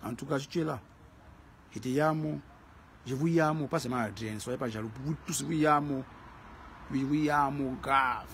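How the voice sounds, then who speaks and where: A man's voice: medium pitch, moderate pace, pauses often, a bit bright, slight background noise. A man hosting a casual live stream, greeting viewers by name and repeating phrases for emphasis.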